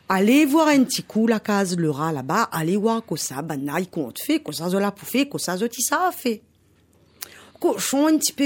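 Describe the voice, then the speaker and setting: Storyteller: woman, Réunion Creole French accent, husky, very lively pitch. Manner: animated, laughing, sound effects. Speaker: storyteller guest. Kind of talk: oral folk tale telling.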